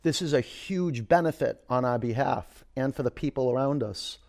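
A man's voice: mid-range voice, normal speed, creaky, darkish tone. A man teaching a yoga class, giving short, direct cues and reflective guidance, often repeating phrases for emphasis. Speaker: yoga instructor.

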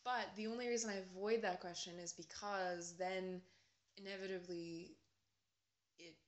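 A woman's voice: on the low side, steady tone, moderate pace. A young American woman in casual chat, rambling and self-deprecating, often breaking into laughter.

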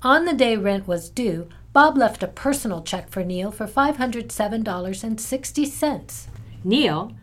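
A woman's voice: a little high, expressive, unhurried. A woman reading a story aloud with wry, playful timing. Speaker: story narrator. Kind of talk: scripted narration.

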